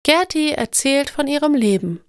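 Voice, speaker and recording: A woman narrating stories for language learners in a slow, clear, deliberate scripted reading. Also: high voice, animated, no echo, studio quality.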